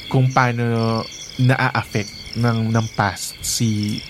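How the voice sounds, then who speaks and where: A man's voice: medium pitch, very slow, background noise. A man with a Filipino accent co-hosting a podcast, chatting casually and mixing Tagalog with English. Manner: animated, mixes Tagalog and English. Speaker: podcast co-host. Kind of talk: casual chat about a TV series.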